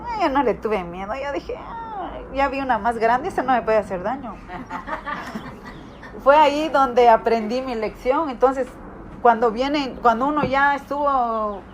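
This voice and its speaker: A woman's voice: on the high side, slight background noise. Woman preaching a sermon. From Guatemala. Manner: storytelling, acts out quoted voices. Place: church hall.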